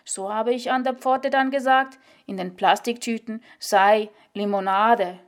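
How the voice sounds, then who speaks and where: A woman reading a literary story aloud in a measured, deliberate way. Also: fairly high pitch, fairly even intonation.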